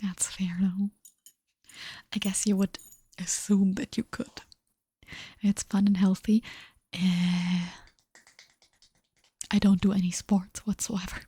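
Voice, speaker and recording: Sleepy, breathy young woman murmuring softly. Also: medium pitch, level tone, slow pace, long pauses, dry recording. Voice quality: soft, breathy, often whispered. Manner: sleepy, just woken up. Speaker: livestream host. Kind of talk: casual chat in a soft ASMR whisper.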